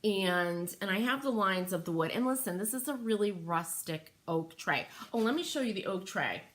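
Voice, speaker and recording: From her home workroom by an open window, a middle-aged woman stencils on a livestream, chatting casually, thinking aloud and greeting viewers by name. Her mid-range voice has lively intonation and moves at a moderate pace.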